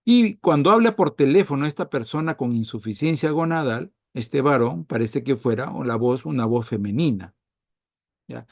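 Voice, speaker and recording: A man lecturing on medicine at a mid pitch, his voice close and dry with almost no room sound. He keeps checking on his listeners with tag questions and leans hard on key terms. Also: moderate pace, gravelly, no room sound. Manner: frequent tag questions, animated emphasis.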